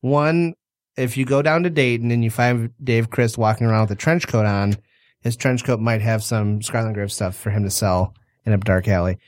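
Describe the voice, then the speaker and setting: A man's voice: medium pitch, steady tone, normal speed, no room sound. Man from Detroit, casual joking co-host, mid voice, dry studio sound. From Detroit area. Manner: joking, laughs often. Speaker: podcast co-host. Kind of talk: casual chat and sponsor reads.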